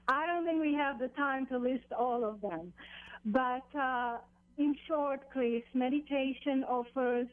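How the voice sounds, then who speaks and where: A woman on a phone line explaining meditation as a teacher, deliberately, with pauses and repeated phrases. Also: sits high, dry recording. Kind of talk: explanatory radio interview, spiritual instruction. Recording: dull, narrow telephone line.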